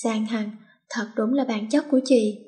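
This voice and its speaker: A woman narrating an audiobook story in a brisk, playful way. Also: a little high, fairly even intonation, warm tone.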